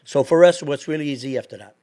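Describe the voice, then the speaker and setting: High-voiced man with a French accent. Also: very fast. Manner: animated, laughs often, searches for English words. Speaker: guest. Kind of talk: casual interview.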